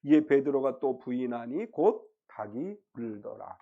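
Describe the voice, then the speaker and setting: A man's voice: medium pitch, lively intonation, a little slow, vocal fry, narrow, tinny audio. A man preaching a sermon as pastor, retelling a Bible story and acting out the voices in it. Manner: acts out quoted voices of Peter and Jesus, swinging loud to soft.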